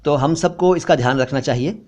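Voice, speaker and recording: A man teaching pronunciation, saying each word slowly and carefully and repeating corrections. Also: on the high side, a little mellow. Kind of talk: slow, careful pronunciation lesson.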